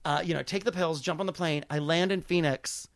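American guy telling a story, voice a bit high, chatty, quotes everybody, really dry room. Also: fairly quick, dry recording. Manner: animated retelling with quoted dialogue. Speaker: stand-up comedian. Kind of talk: casual conversational storytelling.

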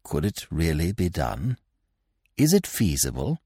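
A man voicing a nervous, anxious older uncle who speaks in hushed, rueful tones. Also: very deep voice, big pitch swings, unhurried, no echo, clean studio sound, pitched below the performer's own voice, heavily acted.

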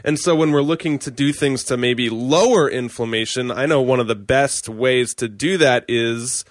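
A man's voice: mid-range voice, no echo, studio quality. A man hosting a podcast, talking in a casual, chatty way with restarts. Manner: casual, chatty, fast when telling a story. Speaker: podcast host. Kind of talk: podcast interview.

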